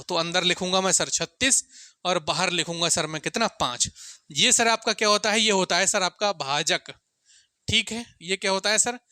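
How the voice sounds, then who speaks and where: This male exam-coaching maths teacher speaks in a high, sharp voice during a casual lesson aimed at students, posing questions he then answers and going back over the main points. He frequently calls listeners sir and friends. The sound is clean studio audio without any room sound.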